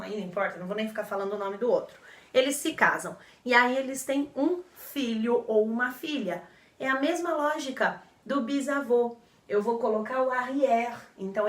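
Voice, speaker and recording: A woman explaining vocabulary to viewers as a teacher, patient and repeating terms with frequent checks for understanding. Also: on the high side. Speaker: French teacher. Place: indoor room in front of a board. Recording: roomy echo, a bit far from the mic.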